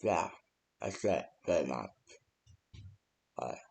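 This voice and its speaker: Voicing the phone-call guide in a fan horror game, a man improvises lines casually, rambling and hesitating with many ums in an unpolished way. He has a very deep, creaky, slightly mellow voice, expressive and slow.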